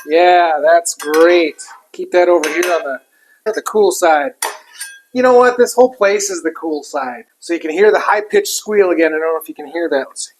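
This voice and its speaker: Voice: medium pitch, normal speed, low-quality recording. A cook giving a casual, chatty cooking demonstration while working a griddle, with food sizzling and utensils clinking behind.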